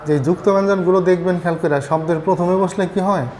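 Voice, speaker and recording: Racing along in a high, steady, slightly mellow voice, a man gives a patient, step-by-step lesson on Bangla pronunciation. He keeps checking understanding with "ঠিক আছে?" and uses fillers and self-corrections, with a little hiss or hum audible.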